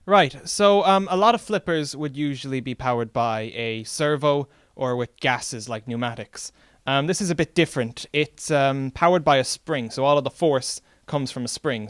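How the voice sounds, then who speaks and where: A man's voice: mid-range voice, clear, resonant tone, dry recording, studio quality. A man with a west of Ireland accent, a robot competitor explaining things in a modest, candid way. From Galway, Ireland. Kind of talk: explanatory interview answers.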